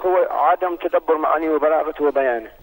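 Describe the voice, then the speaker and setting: A man from Saudi Arabia calling in by phone, asking a formal, courteous question and reciting verses in a measured way. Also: a little high. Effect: heard over a phone line. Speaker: phone-in caller.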